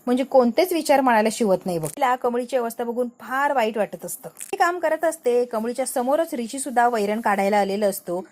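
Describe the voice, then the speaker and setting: A woman with a high voice recaps a TV serial, telling the plot as a chatty story. She moves between narration and quoted lines in a loose, conversational flow. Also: expressive, brisk, few pauses, a little mellow.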